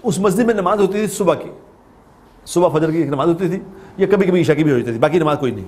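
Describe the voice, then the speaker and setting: A man's voice: a little high, animated, a little mellow. A man from Pakistan giving a religious talk, telling a story with repeated phrases for emphasis. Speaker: preacher.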